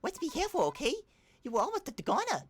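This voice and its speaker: Man doing a high, peppy bee girl. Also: rapid-fire, heavily acted. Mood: teasing. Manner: high, excited, exclaiming. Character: peppy young female bee adventurer.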